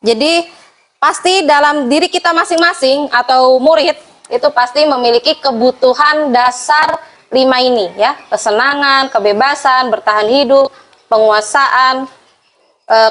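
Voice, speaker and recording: A woman's voice: high-pitched, a bit bright. A woman teacher with an Indonesian accent presenting a training session to fellow teachers, explaining patiently with frequent fillers and addressing the room politely. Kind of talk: classroom presentation to colleagues.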